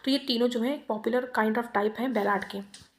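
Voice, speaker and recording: A woman teacher going through exam multiple-choice questions, reading each one slowly in English and then explaining it quickly in Hindi. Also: on the high side, echoey room. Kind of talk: exam quiz lesson.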